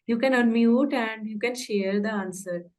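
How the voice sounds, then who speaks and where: A woman's voice: fairly high pitch, moderate pace, darkish tone. Polite woman moderating a call. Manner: polite, calls on teachers by name. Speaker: session moderator. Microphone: video call.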